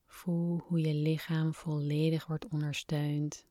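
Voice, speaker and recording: Woman doing a guided relaxation, really slow soft spa whisper, low mellow voice. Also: level tone, no echo, clean studio sound. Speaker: podcast host, relaxation guide.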